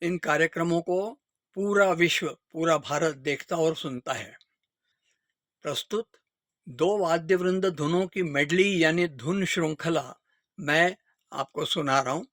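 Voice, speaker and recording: Man, radio announcer, formal and measured, slightly high voice, dry close sound. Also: fairly bright tone, no echo.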